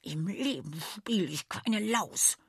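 A cheeky little animal girl, clever and brave, speaks playfully and a bit slowly, as a woman reading a storybook puts her on. Her voice is slightly husky and dry. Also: fairly low pitch, no room sound. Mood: sly. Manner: playful, hissing.

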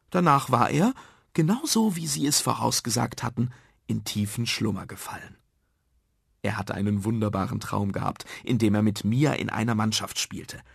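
A man narrating a children's story in a lively, expressive storytelling manner. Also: on the low side, gravelly, breathy edge, no echo, studio quality.

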